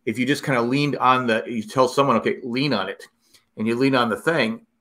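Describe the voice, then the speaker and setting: A man's voice: medium pitch, fairly even intonation, brisk, pushed and bright. An older man in casual conversation, rambling and restarting his sentences as he reminisces. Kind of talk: casual chat.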